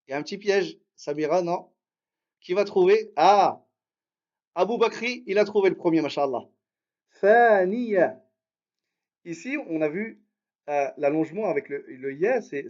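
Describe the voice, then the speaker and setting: A man's voice: fairly high pitch, darkish tone, lo-fi sound. A man teaching Arabic reading in a live online lesson, patiently sounding out syllables and praising his students by name.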